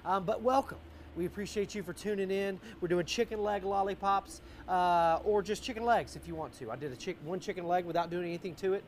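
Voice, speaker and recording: Middle-aged American man, jolly grill-dad cooking host, high-pitched voice, outdoors with some background noise. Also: a little fast. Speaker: host, barbecue cook. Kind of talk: live cooking show presentation. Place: outdoor wooden deck.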